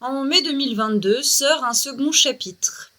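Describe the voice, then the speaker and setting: A woman's voice: sits high, a little slow. A middle-aged woman hosting and narrating a video game review. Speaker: video host. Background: music.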